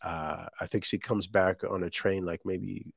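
Man, from Jamaica, very low voice, dry close sound, casual rambling storytelling, thirties. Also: level tone, measured pace, creaky, dry recording. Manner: rambling, many ums and restarts. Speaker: guest, shortbread business owner.

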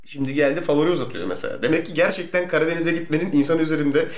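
A man's voice: a little high, rapid-fire. A young man hosting a podcast, teasing his friends and steering the casual chat. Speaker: podcast host. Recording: roomy echo.

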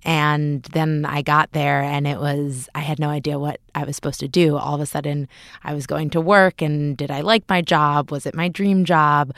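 Young woman, podcast guest, low voice, reflective, dry sound. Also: steady tone, normal speed, fairly bright tone, no echo. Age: 20s. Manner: reflective, storytelling. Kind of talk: casual podcast discussion.

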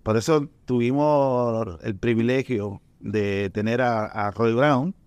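Slow and mid-range, his voice is a little mellow, clear and resonant, with no echo around it. The speaker, a poet and event organizer who grew up between Puerto Rico and the Dominican Republic, talks casually in Caribbean Spanish about poetry gatherings, repeating words as he thinks.

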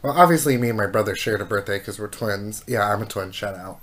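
Very low-voiced young woman chatting. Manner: reactive, blunt, quick to gasp and laugh. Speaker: podcast co-host. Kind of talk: casual chat.

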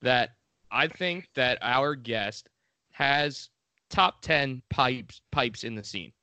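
A man co-hosting a podcast in casual chat, excited and swearing a lot. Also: medium pitch, takes it slowly, clear, resonant tone, no room sound. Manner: enthusiastic, swears a lot, says dude. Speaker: podcast co-host.

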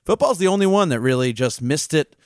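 A man hosting a podcast, explaining legal news in a casual, explanatory way with frequent filler pauses. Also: on the high side, animated, a little mellow, no echo, studio quality. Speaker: podcast host and legal reporter. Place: New York.

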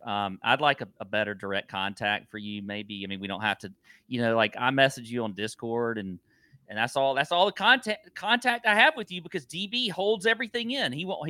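A man's voice: mid-range voice, bright, forceful tone, no echo, clean studio sound. A man co-hosting a show, talking in a casual conversational style. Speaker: co-host. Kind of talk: casual chat.

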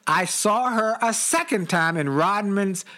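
Chatting casually, an elderly man spins an animated story, laughing and performing the voices in his quotations. His pitch sits high and his pace is a little slow.

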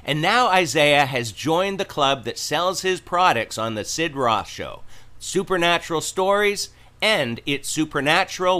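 A man's voice: on the high side, pushed and bright. A man hosting with scripted religious commentary, speaking in an admonishing, declarative way.

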